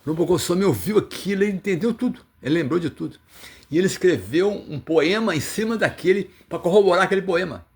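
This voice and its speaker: A man's voice: high-pitched, lively intonation, fast, darkish tone. A Brazilian man giving a religious talk on scripture, telling the stories in his own casual words and acting out what the figures say, with many fillers and restarts. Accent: Brazilian Portuguese. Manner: storytelling with acted quotes, many fillers and restarts. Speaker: religious teacher. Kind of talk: scripture reading commentary.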